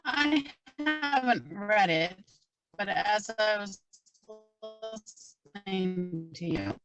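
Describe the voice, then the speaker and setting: A woman's voice: mid-range voice, slow, a bit bright, highs cut off, faint music behind. A woman speaking casually in a group discussion, heard over a video call from her phone while her audio breaks up.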